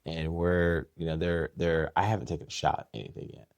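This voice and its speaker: A man co-hosting a podcast, telling a story in a rambling, animated way with many restarts and voiced impressions. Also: deep voice, a little fast, no echo. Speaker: podcast co-host. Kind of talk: casual storytelling chat.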